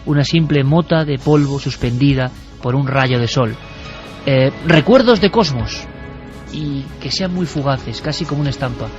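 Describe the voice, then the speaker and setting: A man's voice: medium pitch, moderate pace. A man hosting a radio talk show, speaking in a reflective, lyrical way to his listeners. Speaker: radio host. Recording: dull radio audio with faint music.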